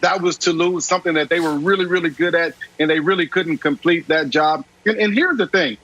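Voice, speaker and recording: A man on a sports debate show laying out his argument point by point in a steady, persuasive way, heard over a remote line. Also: fairly high pitch, fairly quick, no room sound, dull audio.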